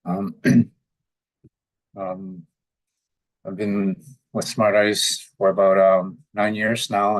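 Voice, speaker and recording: A man's voice: sits low, no echo, low-quality recording. A man from Nunavut introducing himself plainly as an operations lead on a panel over a video call.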